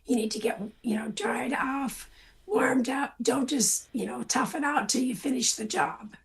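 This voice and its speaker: On a radio show, an older woman with a hoarse, somewhat high voice appears as a guest on farm safety. She talks at a measured pace, casual and rambling, and often pokes fun at herself.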